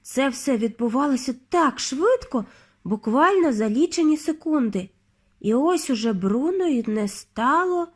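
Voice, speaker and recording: A woman's voice: high-pitched, unhurried. A woman narrating a children's audiobook at bedtime, reading expressively. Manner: expressive, lively storytelling. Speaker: audiobook reader.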